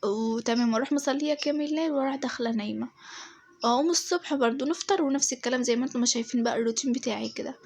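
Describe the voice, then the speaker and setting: Racing through a voice-over of her home routine, a woman with an Egyptian accent fills her chatter with fillers and keeps checking in with viewers. Her high, darkish voice sounds slightly off, and a little hiss or hum sits underneath. She's a home vlogger.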